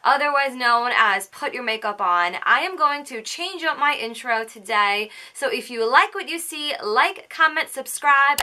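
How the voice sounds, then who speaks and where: Gushing and upbeat, a young American makeup artist hosts a tutorial for her beauty channel, saying "like" often as she narrates each step. Her voice is a little high, pushed and bright.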